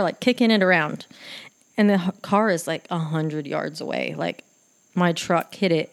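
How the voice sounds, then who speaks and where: Lady telling her story, lowish voice, gets real animated, lots of um's and like's. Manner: animated retelling, acts out quoted voices, many fillers. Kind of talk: personal storytelling.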